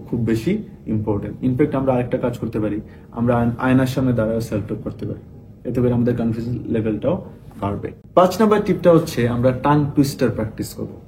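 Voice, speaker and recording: A man's voice: medium pitch, dark tone, a little hiss or hum. A young man teaching IELTS speaking tips, explaining in Bengali mixed with English and repeating key points. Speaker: IELTS tutor. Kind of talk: tips video lesson.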